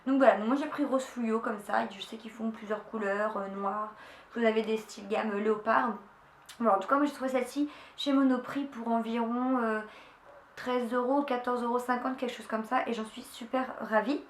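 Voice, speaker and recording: A woman's voice: fairly high pitch, fairly even intonation, moderate pace, slight background noise. A young woman chatting casually through a beauty haul, enthusiastic and full of fillers and restarts. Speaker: beauty vlogger. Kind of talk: casual haul video chat. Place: room at home. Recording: echoey room, faint ambience.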